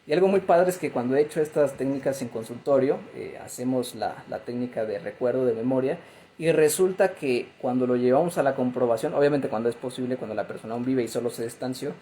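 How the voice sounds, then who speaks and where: A male therapist explains grief in an easy, conversational way, scattering fillers and tag questions through his talk. His voice is mellow and dark rather than bright. A faint noise floor sits under the recording. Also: mid-range voice, brisk, low-quality recording.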